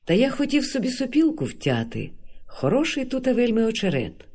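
Very young lad, gentle, boyish, eager, read by a man. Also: very high-pitched, wildly swooping pitch, fairly quick, voice pushed up, heavily acted.

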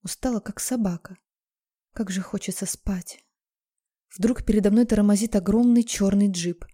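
A woman narrating a first-person story in an expressive way, sometimes dropping into a hushed whisper. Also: mid-range voice, moderate pace. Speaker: audiobook narrator.

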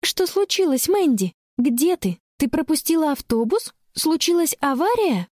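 A woman's voice: high-pitched, very animated, a little slow, darkish tone, dry recording, clean studio sound, voice pushed up. Woman doing an anxious, caring young girl. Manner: urgent, worried questioning.

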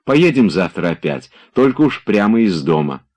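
Man putting on a young woman, teasing and light, lively swings in pitch, storybook reading. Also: moderate pace. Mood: playful.

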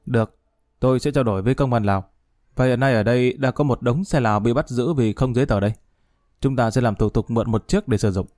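A man voicing a calm, authoritative police colonel who speaks in a measured way, in an audiobook drama reading. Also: medium pitch, no echo, clean studio sound, close to an everyday voice.

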